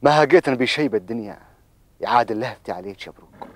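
A man acts out a troubled, lovestruck Bedouin in a TV drama. His voice sits at an average pitch and is recorded dry. He speaks Bedouin Arabic earnestly and with some hesitation. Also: expressive, very fast, dry recording, close to an everyday voice. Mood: tender, longing. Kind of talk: television drama acting.

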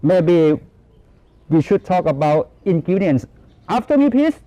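Man with thai accent, high voice, very slow pace, classroom teacher, repeats each word for pupils. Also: very animated, mellow, lo-fi sound. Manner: drawn-out and coaxing, repeats words for students. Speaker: teacher running a cooking class. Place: school classroom.

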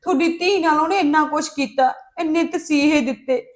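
A woman's voice: sits high, moderate pace, natural voice. A woman playing a wronged, resolute young daughter. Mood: upset. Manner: pleading and indignant, insistent. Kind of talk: Punjabi family drama dialogue.

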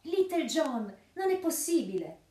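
A woman voicing an indignant, hot-tempered male friar in a storybook reading, shouting loudly and high. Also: sing-song, unhurried, recorded from a distance. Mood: astonished. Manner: shouting, outraged. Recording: roomy echo.

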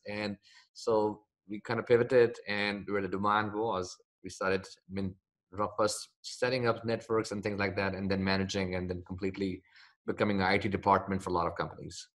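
A middle-aged Indian man with an Indian accent, a company founder, answers interview questions over a video call from a home office lined with bookshelves, a window behind him. His voice is lowish and fairly bright, and he sounds hesitant, full of fillers and restarts.

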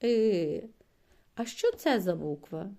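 Woman teacher, slow and mid-pitched, coaxing one-on-one reading tutor. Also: sing-song, gravelly, dark tone. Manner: patient, coaxing, frequent praise, drawn-out sounds. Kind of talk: one-on-one reading lesson with a child.

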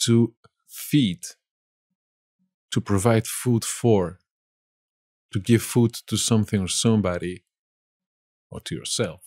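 A man from Spain with a Spanish accent, teaching vocabulary in a slow lesson and saying each word twice. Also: fairly low pitch, darkish tone, no echo, studio quality.

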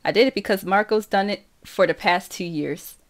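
A woman reading a first-person novel aloud for an audiobook, slow and steady. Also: mid-range voice. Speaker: audiobook reader.

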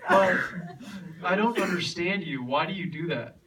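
A man's voice: sits high, lively intonation, moderate pace. A man voicing a reluctant young man fending off an affair, read plainly in a live script reading and recorded on a phone from far back in a noisy hall.

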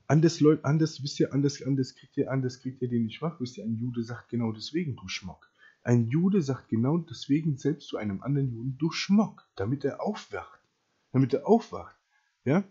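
Guy preaching hard at the camera, husky voice, keeps going "ja?", dull muffled audio. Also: mid-range voice, expressive, brisk. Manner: emphatic, keeps asking "ja?", repeats and restarts phrases, loudness swings widely. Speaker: preacher addressing Christians. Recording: dull lo-fi recording.

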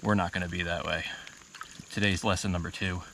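A man's voice: deep voice, steady tone, brisk, creaky. Blunt middle-aged man vlogging from a river. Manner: blunt, swears freely, talks straight to viewers. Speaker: fishing vlogger. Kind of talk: casual outdoor vlog. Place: outdoors standing waist-deep in a river. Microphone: action camera mounted on the kayak. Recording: outdoor camera audio with water noise.

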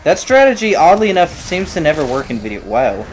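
A man casually commentating his own shooter playthrough, animated and swearing, cracking jokes. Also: a little high, brisk, faint music behind. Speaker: gamer playing through a shooter.

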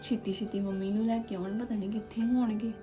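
An actress playing a young adult daughter who gently consoles her mother. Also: mid-range voice, fairly even intonation, quick pace, loud music behind the voice, close to an everyday voice. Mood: eager. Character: young daughter returning home after hardship.

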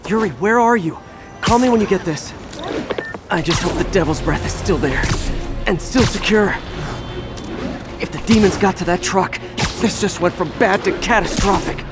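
A man's voice: sits high, normal speed, pauses often, over music, lightly acted. A man playing a young, wisecracking, caring superhero in a dramatic video game. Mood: worried. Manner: quippy, earnest.

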